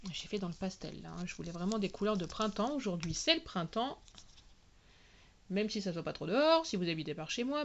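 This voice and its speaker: A woman's voice: fairly low pitch, muffled recording, slight background noise. Chatty woman reviewing nail gels. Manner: chatty, names each product slowly and clearly. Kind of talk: casual product unboxing.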